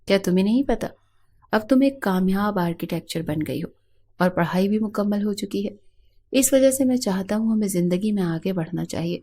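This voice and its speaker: A woman voicing a stern, distant young husband in her own reading voice, mellow and plain. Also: medium pitch, natural voice.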